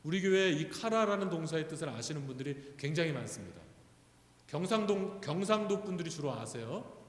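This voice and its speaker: A man preaching a sermon as pastor, often asking the congregation questions and building to loud, fervent calls. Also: on the high side, lively intonation, fairly quick. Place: church sanctuary. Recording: echoey church hall.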